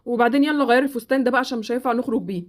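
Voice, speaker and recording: A woman's voice: on the high side, very fast, natural voice. A woman with an Egyptian accent voicing Sultan, a blunt, awkward boy in a Roblox roleplay series. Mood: brusque.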